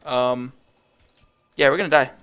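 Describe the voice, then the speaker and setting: A man's voice: mid-range voice, measured pace, smooth, lo-fi sound. A young man giving casual, sarcastic commentary over his own gameplay, swearing freely as he explains what he is doing. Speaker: game streamer.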